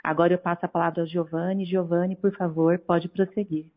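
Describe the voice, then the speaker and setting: Lowish Brazilian woman on a phone line. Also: level tone, a little fast. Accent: Brazilian Portuguese. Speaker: presenter opening a corporate call. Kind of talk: formal business presentation. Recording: narrow, tinny phone line.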